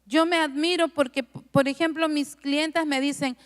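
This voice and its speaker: A woman's voice: high voice, steady tone, moderate pace, big-room sound. A middle-aged woman pastor preaching a conversational sermon, often asking the congregation short tag questions. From Peru. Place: church.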